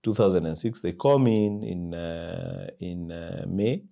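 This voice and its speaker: A Kenyan man, a company founder, telling his life story in an interview with lively quoted dialogue and loud laughs. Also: sits low, a little slow, vocal fry, slight background noise. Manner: animated storyteller who acts out quoted dialogue and laughs loudly.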